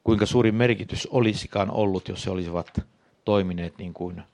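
A man's voice: on the low side, darkish tone. A man preaching a sermon, reading quoted passages aloud and commenting on them earnestly. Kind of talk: sermon with read-aloud testimony.

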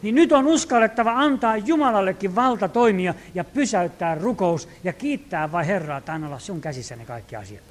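High-voiced preaching man. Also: lively intonation, hardly any pauses. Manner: earnest preaching with dramatic shifts between loud and hushed; acts out quoted prayers and commands. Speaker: pastor. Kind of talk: sermon.

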